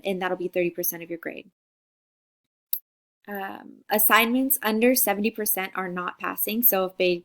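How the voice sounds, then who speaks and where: A woman in her forties from Costa Rica, a teacher talking students through a class introduction video in a friendly, chatty way. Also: medium pitch. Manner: friendly, chatty, checks in with "okay?".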